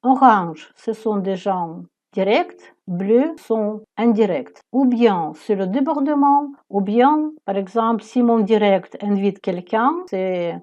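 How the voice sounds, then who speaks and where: Slow, mellow Ukrainian-accented woman. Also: mid-range voice, lively intonation, lo-fi sound. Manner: hesitant, with frequent "euh" fillers and some non-native phrasing. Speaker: business presenter. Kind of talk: screen-share product walkthrough.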